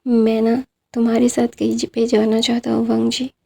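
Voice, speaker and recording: A woman's voice: fairly high pitch, monotone, normal speed, vocal fry, mellow. A woman voicing a playful, questioning young man in a romance retelling. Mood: unsure.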